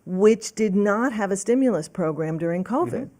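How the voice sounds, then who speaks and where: A woman's voice: medium pitch, expressive, normal speed, warm tone. A woman panelist speaking analytically and with emphasis in a panel discussion.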